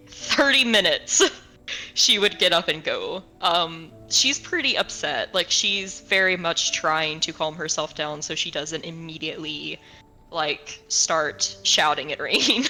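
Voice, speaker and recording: A woman's voice: on the low side, bright, forceful tone. A woman playing a tabletop role-playing game, casually narrating her character in a giggly, hesitant way, thinking aloud.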